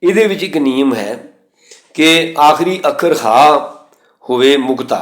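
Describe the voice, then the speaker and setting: A man teaching the pronunciation of scripture, reciting verses slowly and spelling out letters and vowel signs methodically. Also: on the high side, reverberant. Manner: slow chanted recitation of verses between explanations. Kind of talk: recorded lesson on scripture pronunciation.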